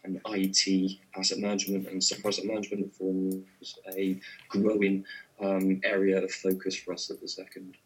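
Man, hoarse, husky, low, monotone, halting. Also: low-quality recording. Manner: halting, many ums. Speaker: guest, product manager. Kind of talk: casual podcast interview.

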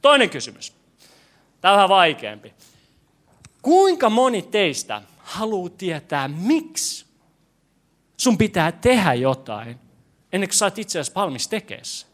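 A young male pastor's voice sits high and fairly bright, with big pitch swings and long pauses. Preaching to a congregation in a church hall, he is joking and self-deprecating, asks the audience questions, and stammers and restarts.

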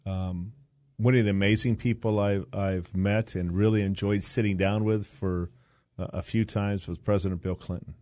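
A low-voiced older man speaks as a guest in a relaxed interview, close to the mic in a dry room. He wanders through his stories, full of fillers and restarts. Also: normal speed, dry recording. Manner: rambling storyteller, many fillers and restarts. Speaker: interview guest, university board president. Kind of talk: casual interview chat.

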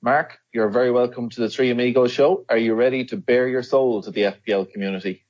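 A man's voice: medium pitch, steady tone, fast talker, a little mellow, highs cut off. A man hosting a podcast, asking a guest questions in a casual interview style. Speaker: podcast host.

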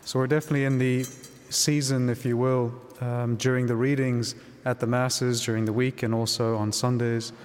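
Priest ringing through a cathedral echo. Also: male voice, medium pitch, clear, resonant tone. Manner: calm and measured, with some restarts in the homily. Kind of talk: gospel reading and homily at Mass. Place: large church. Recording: long reverb of a large church.

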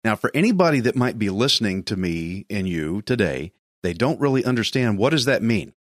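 A man's voice: on the low side, very animated, fairly quick, no echo, studio quality. A man hosting a faith talk show, interviewing a guest in an encouraging, affirming way.

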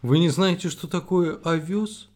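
A man voicing an excitable little male sparrow from a children's fairy tale, shrieking and pleading. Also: on the high side, a little slow, voice pushed up, close to an everyday voice. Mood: upset.

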